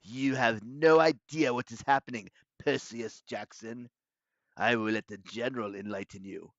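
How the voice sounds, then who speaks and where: A man's voice: medium pitch, dry recording, highs cut off, natural voice. A man voicing a menacing monster in disguise, pompous and condescending, in a storybook reading. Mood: sneering. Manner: pompous, condescending, deliberate villain delivery. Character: menacing, gloating male monster disguised as a schoolmaster.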